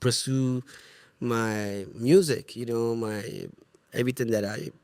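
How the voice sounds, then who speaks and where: A man's voice: mid-range voice, fairly even intonation, takes it slowly, a little mellow, no room sound. Earnest Ecuadorian-accented man, dry sound. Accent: Ecuadorian Spanish. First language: Spanish. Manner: earnest, searching for words, many restarts. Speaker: guest, music producer and artist. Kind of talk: casual interview talk.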